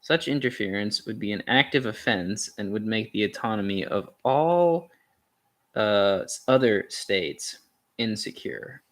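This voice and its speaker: Reading a philosophy essay aloud as an amateur, this man has a fairly low, expressive voice and a measured pace. There's a casual touch to it, and he occasionally stumbles and corrects himself.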